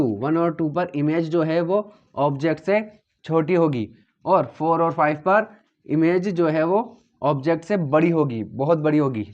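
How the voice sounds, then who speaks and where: A man's voice: on the high side, a little mellow. Man teaching at a whiteboard, dull recording. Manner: repeats "theek hai" to check students follow; explains step by step, asking and answering his own questions. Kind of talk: whiteboard physics lesson.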